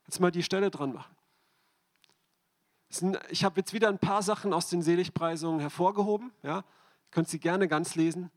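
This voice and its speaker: A man's voice: sits high, a little fast, pauses often. A man preaching a sermon, speaking directly to the congregation and asking them repeated questions.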